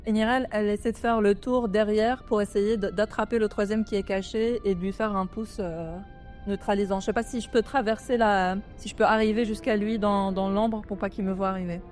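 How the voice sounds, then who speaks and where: A French woman describes what her character does in a tabletop game. She talks at a mid pitch in a quick, matter-of-fact way. Faint music plays underneath. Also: fairly even intonation, a little mellow. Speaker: player. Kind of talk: casual tabletop play.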